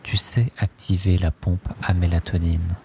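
A man narrating a guided sleep meditation, speaking softly and repeating words in a slow, hypnotic way. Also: low voice. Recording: steady ocean wave noise behind. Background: ocean waves.

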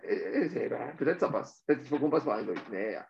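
A man teaching a Talmud lesson, explaining rapidly and animatedly while reading out Hebrew and Aramaic passages. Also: mid-range voice, lively intonation, creaky, noisy background. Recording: dull lo-fi recording.

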